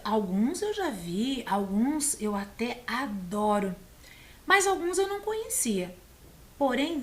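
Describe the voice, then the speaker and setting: Brazilian female schoolteacher, patient and encouraging, higher voice, recorded in an echoey room. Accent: Brazilian Portuguese. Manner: slow, patient, encouraging, sounds out words. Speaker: primary school teacher. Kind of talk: teaching a video lesson to children.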